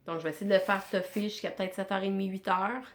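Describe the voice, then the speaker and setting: A woman's voice: medium pitch, steady tone, fast. Chatty Québécois French woman vlogger. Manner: informal, chatty and conversational. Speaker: vlogger and mother. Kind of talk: casual family vlog.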